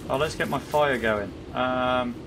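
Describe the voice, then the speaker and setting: A man giving jokey let's-play commentary, chatting to his in-game pet and swinging from bragging excitement to comic panic. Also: medium pitch, unhurried, vocal fry, noisy background. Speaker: gaming YouTuber.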